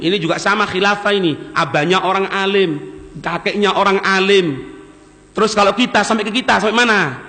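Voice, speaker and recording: High, bright Javanese-accented preacher man. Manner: lively storytelling, mixing in local words. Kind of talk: sermon. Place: prayer hall. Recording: echoey prayer hall.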